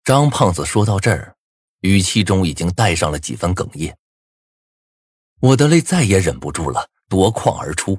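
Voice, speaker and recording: A man narrating a first-person novel in a dramatic, expressive way, with a husky voice. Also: low-pitched, normal speed, no room sound, clean studio sound. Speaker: audiobook narrator.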